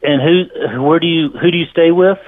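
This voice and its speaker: A man's voice: on the high side, moderate pace, noisy background. A man who manages apartments, heard over a landline phone, talking bluntly and turning confrontational. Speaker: apartment manager taking a prank call. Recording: tinny narrow phone line.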